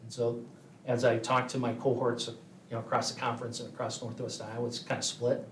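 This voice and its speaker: A man gives a measured meeting report to a school board, with frequent filler pauses. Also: medium pitch, level tone, a bit bright, slight background noise. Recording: echoey meeting room, voice from far off.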